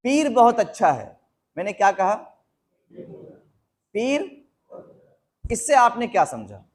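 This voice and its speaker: High-voiced man preaching a sermon. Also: wildly swooping pitch. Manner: questions the audience and repeats phrases for emphasis; slows down to spell out quoted phrases. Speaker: Islamic preacher. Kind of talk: live sermon to a seated audience.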